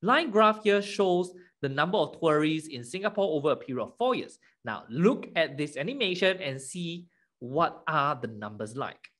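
Animated young man teaching like a kids' show host. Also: a little high, normal speed. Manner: animated kids-show-host delivery, prompting with questions. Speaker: online maths tutor for primary school children. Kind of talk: interactive lesson for children.

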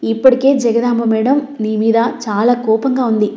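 A woman's voice: on the high side, little pitch movement, moderate pace, echoey room, lo-fi sound, lightly acted. A woman voicing an anxious, practical young daughter who pleads urgently in a storybook reading. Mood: worried.

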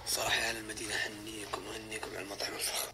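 A man's voice: on the low side, flat delivery, very fast, heavy background noise. A man vlogging a restaurant visit, teasing and joking with a friend. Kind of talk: casual vlog chat.

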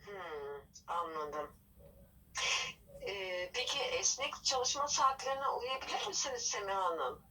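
A woman's voice: mid-range voice, lively intonation, unhurried, pushed and bright, recorded from a distance, poor audio. A woman playing a polite, formal office employer on a landline phone, patient and full of hesitant fillers.

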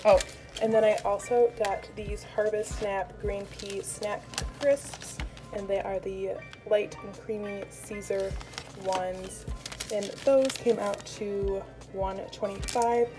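A young American woman narrates a vlog from her home kitchen, chatting casually and informally to viewers as music plays behind her. Her mid-range voice is slow-paced with little pitch movement.

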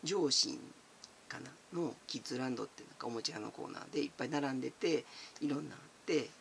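A man's voice: medium pitch, quick pace, vocal fry, a little hiss or hum. A man, chatting casually as he answers viewer comments, giggly and talkative, calling himself by his nickname. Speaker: channel host.

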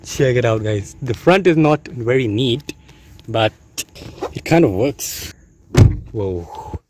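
A young man chatting casually as a vlogger while filming from inside a blanket fort in a parked car, talking excitedly and saying guys constantly. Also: mid-range voice, slow pace, background noise. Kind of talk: casual vlog narration. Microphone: handheld phone camera.

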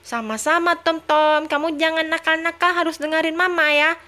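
A kind lady doctor, acted by a woman, speaks in a soothing, reassuring way. The voice sits a little lower than the woman's own, but it stays bright. This is a toy role-play. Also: steady tone, normal speed. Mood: gentle. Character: kind gentle female doctor.

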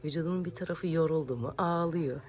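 Home vlogger, female, thirties, lower pitch, easy chatty delivery mixed with tender baby talk. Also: fast. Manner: soft baby talk to her daughter, whispering while the child sleeps. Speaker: vlogger and mother. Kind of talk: casual home vlog chat.

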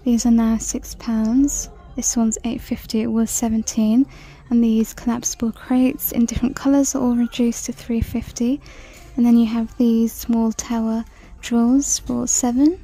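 A woman chatting through a shopping walk-through in a large store, reading out prices and sometimes dropping to a soft whisper, filmed on a handheld phone. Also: on the high side, flat delivery, measured pace, hardly any pauses. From United Kingdom. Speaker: shopping vlogger. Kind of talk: casual shop-with-me commentary. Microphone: handheld phone camera.

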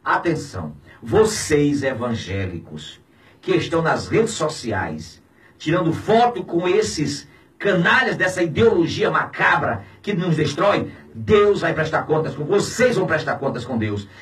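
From a small radio studio, a pastor in his fifties with a Brazilian Portuguese accent gives heated commentary, his indignant preaching veering from shouts to low, heavy phrases. His delivery is sing-song and unhurried, and he's captured from far off by a boom-mounted studio mic while being filmed at a distance.

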